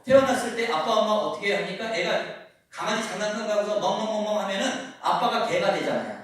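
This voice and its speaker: A man in his fifties, a teacher and pastor, giving a lively seminar talk to parents in a church and acting out kids' greetings as he goes. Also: sits high. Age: 50s. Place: church hall. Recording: echoey hall from far off.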